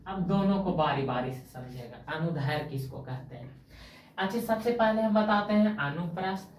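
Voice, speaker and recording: A woman teacher with a Magahi-tinged Bihari Hindi accent, teaching a coaching-class science lesson in a colloquial, homely way, quizzing the class with call-and-response questions. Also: fairly low pitch. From Bihar, India. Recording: echoey room, voice far from mic.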